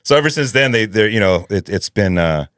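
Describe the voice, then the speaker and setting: Deep-voiced guy guesting on a podcast, voice actor telling stories, laughs a lot, dry close sound. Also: fairly quick, no echo. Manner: animated storyteller who laughs often. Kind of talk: casual chat.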